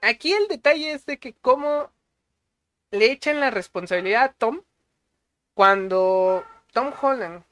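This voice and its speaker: A man with a Mexican accent reviewing a movie on a casual stream, excitable and full of slang and swearing. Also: very high-pitched.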